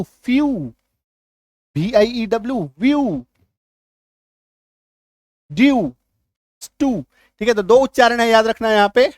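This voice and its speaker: A male teacher giving a spoken lesson, repeating each point and quizzing the listener with quick questions as he drills lists of words. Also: sits high, dry recording, studio quality. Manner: drills word lists aloud, one word at a time.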